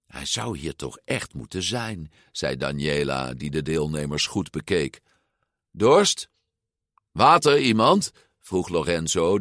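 A man reading a children's storybook aloud as narrator, expressive and acting out the figures. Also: low voice, no room sound, clean studio sound. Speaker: audiobook narrator.

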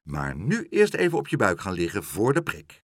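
A man voicing a cheerful, hurried family doctor with a jovial manner. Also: lowish voice, wildly swooping pitch, dry recording, studio quality, heavily acted. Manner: jovial and rushed.

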